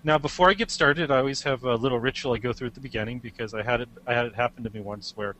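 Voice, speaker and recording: Webinar presenter, upbeat chatty man, mid-pitched voice, quick restarting bursts. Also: fairly bright tone, low-quality recording.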